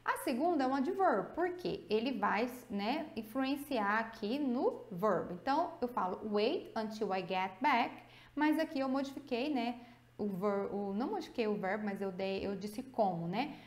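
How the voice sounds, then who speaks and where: A woman with a Brazilian accent teaching an English grammar video lesson, explaining with lively emphasis and slowly drawing out her example words. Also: a little high, echoey room. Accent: Brazilian Portuguese.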